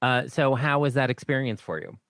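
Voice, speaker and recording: Man, smooth clear voice, dry studio sound, podcast host, hesitant questions. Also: mid-range voice, a little fast, a bit bright, dry recording. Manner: hesitant, frequent uh before questions. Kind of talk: interview questions.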